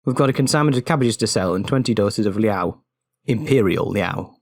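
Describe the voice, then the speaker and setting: A man voicing a proud, guarded male orc trader in an audio story, speaking with measured, pointed emphasis. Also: lowish voice, lively intonation, dry recording.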